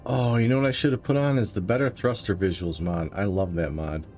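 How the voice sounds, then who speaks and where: Low-voiced man streaming a game. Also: brisk, faint music behind. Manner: relaxed, explains as he plays, talks to viewers. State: slight hiccups. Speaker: livestreaming gamer. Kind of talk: casual game commentary to chat.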